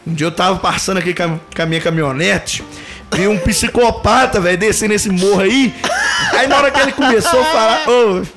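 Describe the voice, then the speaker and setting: High-pitched guy w a mineiro accent, laughing his way thru a story, faint music behind. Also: brisk. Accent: Belo Horizonte, Minas Gerais. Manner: animated, laughing storyteller who acts out dialogue. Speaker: guest storyteller. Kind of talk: casual podcast chat.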